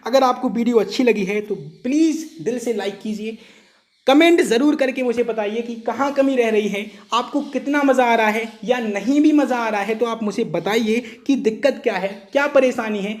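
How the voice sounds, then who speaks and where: A male Hindi teacher giving an exam-prep grammar lesson, explaining patiently, repeating each point and checking that students follow. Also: very high voice.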